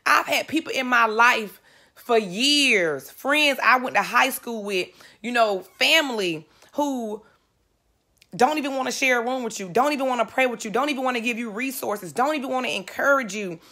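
Emotional woman, high voice, near tears. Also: normal speed, pushed and bright. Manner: emotional, earnest, repeats phrases for emphasis. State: close to tears. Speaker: network marketer speaking to live viewers. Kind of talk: live-stream motivational talk.

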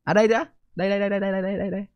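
A man's voice: sits high, level tone, very fast, clean tone, dry recording, muffled recording. A middle-aged man, a streamer giving blunt, profane, defensive commentary on a live stream.

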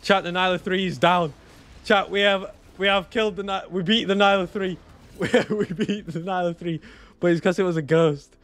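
A young man streaming a strategy game, chatting to his viewers, excitable, repeating himself and bursting into shouts and laughter. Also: high-pitched, normal speed. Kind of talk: live gameplay commentary to chat.

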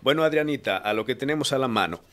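A man's voice: mid-range voice, animated, quick pace, a bit bright. A young man hosting a casual video call chat, telling stories in a chatty, rambling way from a home studio with a stand mic. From Ecuador, Manabí. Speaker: host.

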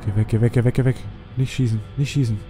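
A man's voice: mid-range voice, fairly even intonation, quick pace, mellow, faint music behind. A young man commenting on a survival game, whispering when he sneaks and yelping when startled. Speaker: let's player. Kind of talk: gaming commentary.

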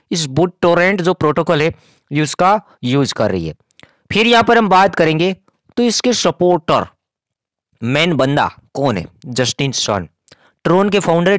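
A man's voice: fairly high pitch, smooth, no room sound, clean studio sound. A man hosting his own channel, giving casual, chatty market commentary and speaking straight to his viewers. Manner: chatty, explanatory, addresses viewers directly. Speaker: crypto channel host.

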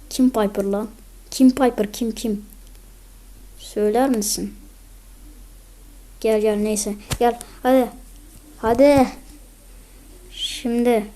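Hoarse female gamer, higher voice, unhurried chat that breaks into excited shouts. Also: a little hiss or hum. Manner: chatty, bursts into excited yelling. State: hoarse from illness. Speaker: mobile game streamer. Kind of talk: casual gameplay commentary.

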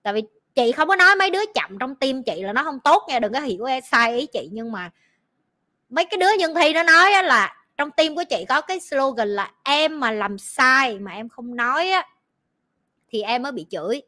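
Lady hosting a livestream, bright sharp voice, blunt and teasing. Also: sits high, animated. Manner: blunt, teasing, talks fast in bursts. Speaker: livestream host. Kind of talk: casual livestream chat with team.

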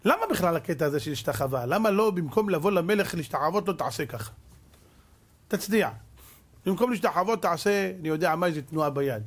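A middle-aged rabbi delivers a dramatic sermon, firing rhetorical questions at his listeners. His voice sits high and sounds husky. He swings from loud exclamations down to hushed asides. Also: lively intonation. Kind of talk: animated Torah lecture.

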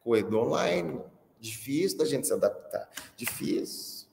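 A man with a Brazilian accent doing a comic monologue as a teacher, animated and repeating lines for effect. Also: medium pitch, normal speed, gravelly. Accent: Brazilian Portuguese. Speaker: comedian playing a teacher. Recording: echoey hall with long reverb.

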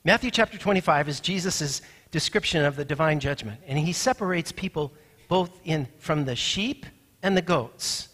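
A man's voice: fairly high pitch, moderate pace, a bit bright, in a large hall. A man preaching a sermon as pastor, emphatic and repeating his key points with rising force, in a church sanctuary.

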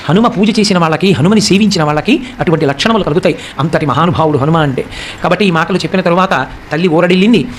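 A man giving a devotional discourse on a sacred epic. He recites verses slowly and explains them, and speaks the characters' lines in a softer voice. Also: fairly high pitch, a little hiss or hum. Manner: acts out the characters' speech in a softer voice.

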